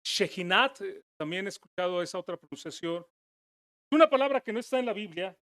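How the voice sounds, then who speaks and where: A man preaching a sermon as pastor, earnest, dropping his voice low and soft and then rising to emphatic declarations. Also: expressive, a little fast, dry recording, clean studio sound. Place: church.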